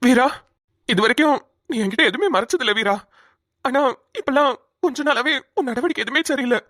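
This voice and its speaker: A woman's voice: sits high, a little fast, a bit bright, no echo, clean studio sound. A woman voicing a weary, worried grown man with an injured leg in a cartoon, speaking in a subdued way. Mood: troubled. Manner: subdued, weary, heavy-hearted. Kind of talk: cartoon voice acting.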